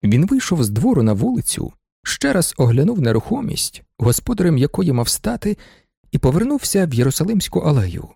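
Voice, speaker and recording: A male audiobook narrator reading a novel in scripted, expressive narration. His somewhat high voice moves in a lively way and carries a gravelly grain. The recording is dry and close. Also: fairly quick, dry recording.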